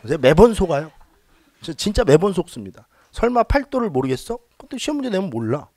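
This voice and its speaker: A man lectures a classroom of exam students, his somewhat high voice bouncing animatedly from point to point. He teases the class for forgetting basics, then has them chant lists back at him loudly. The sound is close and dry, with no room echo. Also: big pitch swings, quick pace. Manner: leads students in loud call-and-response drills; teasing, talks down to students jokingly. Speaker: civil service exam history lecturer.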